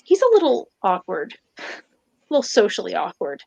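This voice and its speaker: A woman in a tabletop role-play, narrating her character's actions and speaking as her, with halting restarts and fillers. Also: medium pitch, huge pitch swings, gravelly, darkish tone, no echo.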